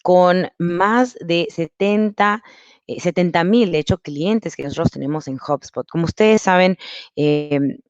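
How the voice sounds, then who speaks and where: A woman's voice: fairly low pitch, unhurried, darkish tone, clear, resonant tone, no room sound, muffled recording. A woman from Peru, a marketing consultant giving an upbeat online masterclass, explaining step by step over a video call. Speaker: guest speaker, marketing consultant.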